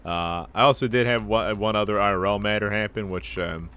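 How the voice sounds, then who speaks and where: Rambling deep-voiced young man. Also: steady tone, a little fast, a bit bright, smooth. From United States. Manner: rambling storyteller, many fillers and restarts. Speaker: podcast co-host. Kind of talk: casual chat.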